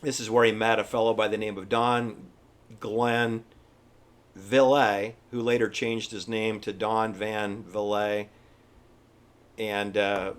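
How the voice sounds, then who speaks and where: A man giving informal, opinionated history commentary in an emphatic, halting, repetitive manner. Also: on the low side. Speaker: presenter. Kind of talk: informal conspiracy-history commentary over pictures.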